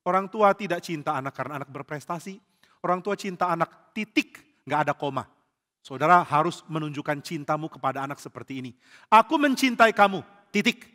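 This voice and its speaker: Brisk bright-voiced pastor in a hall. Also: male voice, a little high. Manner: animated, acts out quotes and jokes with the congregation. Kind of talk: sermon. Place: large church hall. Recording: church hall reverb.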